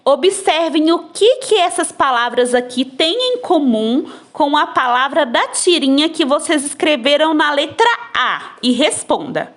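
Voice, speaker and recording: Slow, patient teacher woman, high lively voice. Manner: slow, patient, drawn-out explaining to children. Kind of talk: recorded lesson explaining textbook exercises. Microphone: phone recording.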